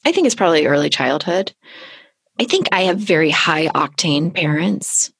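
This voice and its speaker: A woman's voice: sits low, expressive, moderate pace, gravelly, fairly bright tone, husky, no room sound. A woman hosting a podcast and talking casually, in a candid, reflective way that often trails off. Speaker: podcast host. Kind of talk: casual conversation.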